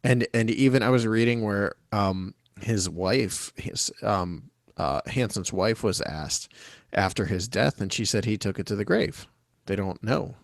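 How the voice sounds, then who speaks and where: A man chats casually on a podcast in a fairly low voice. He sounds skeptical and stumbles over words as he goes. The recording is dry and close. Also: a little slow, no room sound. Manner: hesitant, many restarts, skeptical. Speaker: podcast co-host. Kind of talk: casual chat.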